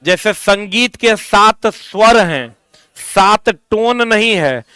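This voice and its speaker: A male teacher leads a physics lesson, asking questions and slowly repeating the answers for students to write down. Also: high voice, lively intonation, sharp tone, smooth, no echo. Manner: drifts into stern ranting.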